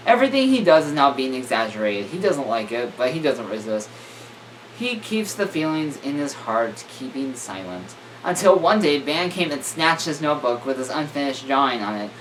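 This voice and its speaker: A young man reads a horror story aloud, stumbling over words and correcting himself with joking asides. His voice is mid-range and a bit bright, picked up by a distant mic with faint room noise.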